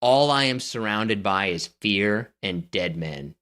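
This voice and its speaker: A podcast co-host with a lowish, somewhat bright voice talks animatedly at a slow pace in a casual debate. He's skeptical of his partner's list and argues his own picks at length.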